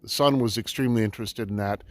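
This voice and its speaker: A metal detecting vlogger narrates a casual outdoor video in snowy woods, speaking fast in a voice on the low side. He's easygoing, full of ums and uhs, and talks to a camera set up on the trail.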